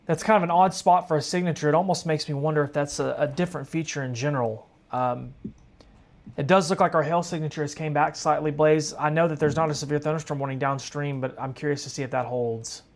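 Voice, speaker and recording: A man talks through live storm coverage in a casual, chatty way, often turning to his viewers as folks. His voice sits a touch high for a man, and he sounds tired. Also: steady tone, fast talker. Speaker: storm-tracking livestream host. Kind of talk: live weather commentary.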